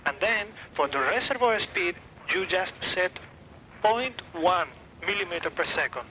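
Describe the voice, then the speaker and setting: A man giving technical instructions over a radio link in careful, short, deliberate phrases. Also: high-pitched, expressive, sharp tone. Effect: radio transmission. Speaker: ground experiment specialist. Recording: faintly noisy mission radio link.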